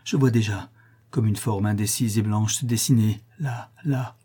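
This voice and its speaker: A tormented notary in a fevered delirium, his cries climbing high and shrill, as a man acts him out. The voice underneath is dusky and husky, pushed to frantic outbursts in a storybook reading. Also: fairly even intonation, normal speed, warm tone. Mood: obsessed. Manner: frenzied, shrill outcries. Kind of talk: audiobook character reading.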